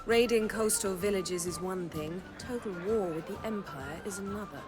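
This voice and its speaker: A poised, cool sorceress from a video game, voiced by a woman. She speaks crisply and with composure at a middle pitch over game music. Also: moderate pace, lightly acted.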